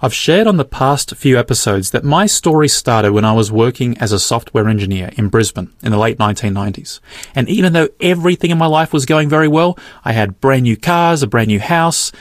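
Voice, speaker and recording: A middle-aged man reads his podcast narration in a measured, earnest way. His voice sits at an ordinary pitch. It is recorded dry and close, with no room sound. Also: animated, no echo, faint music behind. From Australia. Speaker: podcast host. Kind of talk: scripted narration.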